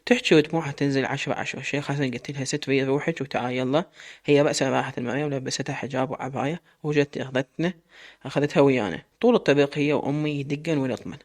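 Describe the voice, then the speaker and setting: Fast-talking Iraqi male storyteller. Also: mid-range voice. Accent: Iraqi Arabic. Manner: rapid, emotional retelling with quoted dialogue. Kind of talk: first-person dramatic storytelling.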